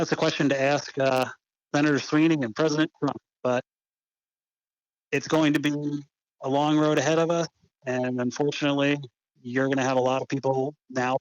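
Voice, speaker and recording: A man calling in as a phone interview guest, heard over the phone, talking in a measured, deliberate way about policy. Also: mid-range voice, no room sound. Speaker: phone-in guest, head of an advocacy group. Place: green room before a TV appearance. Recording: muffled dry phone line.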